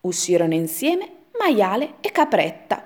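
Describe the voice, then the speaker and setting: A woman reading a rhyming children's story aloud with a lively sing-song rhythm. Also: medium pitch, a little slow.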